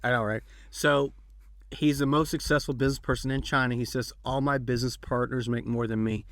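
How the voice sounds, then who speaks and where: A man's voice: mid-range voice, fairly even intonation, fairly quick, fairly bright tone, no room sound. Casual rambling podcast host man. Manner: rambling, with fillers and restarts. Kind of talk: casual chat.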